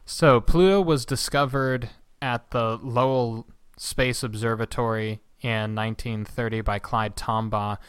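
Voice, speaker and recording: A man's voice: mid-range voice, fairly even intonation, unhurried, hardly any pauses, clear, resonant tone, dry recording. A man co-hosting a casual podcast, explaining astronomy in a chatty, rambling way with asides. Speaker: podcast co-host. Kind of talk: casual chat.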